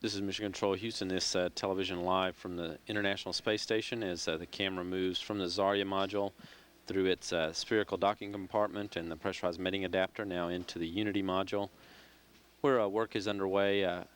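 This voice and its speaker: A man giving live space mission commentary from mission control in a measured, halting, informative way. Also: low-pitched, little pitch movement, clean tone.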